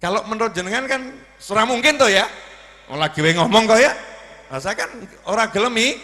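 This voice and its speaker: A man's voice: high voice, brisk. A man with a Javanese accent preaching a humorous sermon, telling stories and acting out the dialogue himself. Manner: lively storytelling, acting out dialogue. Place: religious gathering hall. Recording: long reverb in a large hall.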